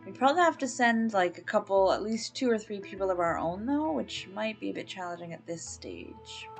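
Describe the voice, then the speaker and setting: A middle-aged Canadian woman, a native English speaker, hosts a let's play, narrating her game and thinking aloud over soft background music. Her medium-pitched voice is very animated and brisk, and she's chatty, even cooing at the baby animals in this casual gameplay commentary.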